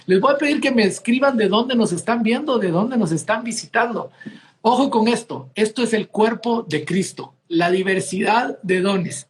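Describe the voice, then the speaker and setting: A man hosts an interview podcast, speaking in a relaxed, conversational way. He reacts with eager enthusiasm and praises his guest often. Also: high voice, slight background noise. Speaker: podcast host. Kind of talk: casual interview talk.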